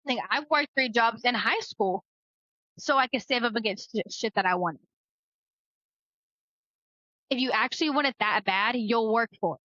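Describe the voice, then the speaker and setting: Young woman, sassy, lecturing, bright sharp voice, lo-fi. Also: fairly high pitch, moderate pace, pauses often, no echo. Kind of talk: casual opinionated chat. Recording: dull, lo-fi sound.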